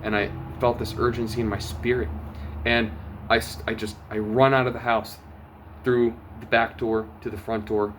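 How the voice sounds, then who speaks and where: A man sharing a personal testimony, earnest and emotional, going from urgent bursts to hushed quiet. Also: fairly low pitch, little pitch movement, moderate pace, a little hiss or hum. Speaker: testimony vlogger.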